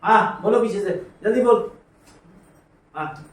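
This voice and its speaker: A high-pitched, unhurried man teaches accounting, having the class repeat entries and scolding them with familiar coaxing. It's a classroom lecture captured with a distant mic in an echoey room with faint background noise.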